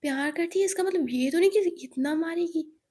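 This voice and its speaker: A woman's voice: on the high side, a little slow, mellow, breathy edge. A woman voicing a bold, blunt young woman friend who teases and scolds in a storytelling role voice. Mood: fierce. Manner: teasing, blunt, indignant.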